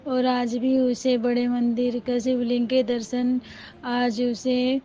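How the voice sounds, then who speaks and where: A woman from Delhi telling a devotional testimony in a halting way, often repeating her terms of address. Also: fairly high pitch, little pitch movement, mellow, lo-fi sound.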